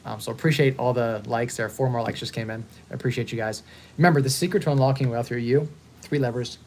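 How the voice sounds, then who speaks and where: A man in his thirties hosting a casual live stream, upbeat and talking in quick bursts with frequent restarts. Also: mid-range voice, steady tone, darkish tone, a little hiss or hum. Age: 30s. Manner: fast-talking, upbeat, repeats and restarts words. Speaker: host. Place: hotel.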